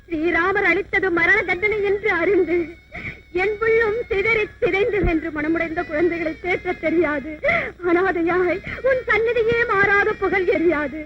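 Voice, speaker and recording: An actress playing a grieving queen mother, crying as she pleads in a tearful lament. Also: very high-pitched. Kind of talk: dubbed mythological film acting. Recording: dull lo-fi old film soundtrack with loud music.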